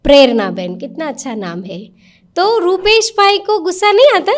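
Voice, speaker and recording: A woman's voice: extremely high pitch, moderate pace. A woman giving an interactive spiritual talk to a live audience in a meditation centre hall, questioning people directly in a coaxing, conversational way.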